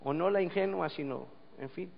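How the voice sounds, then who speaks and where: Pastor preaching, high voice, lots of church echo, kinda muffled. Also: male voice, moderate pace, gravelly, slight background noise. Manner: storytelling, swelling to emphatic reading. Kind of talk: sermon. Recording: dull lo-fi church recording with long reverb.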